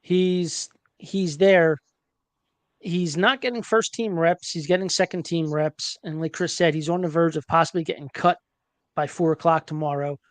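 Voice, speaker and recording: A man hosting a casual sports podcast, chatty and hesitant, filling pauses with ums and uhs. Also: on the high side, steady tone, dry recording. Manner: chatty, hesitant with many fillers. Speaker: podcast host.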